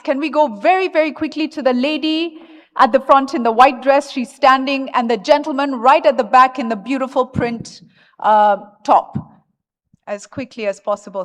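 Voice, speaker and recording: Female event moderator, fairly high voice, polite and directing, reverberant hall. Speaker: forum moderator. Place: conference hall with audience. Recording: echoing hall with long reverb.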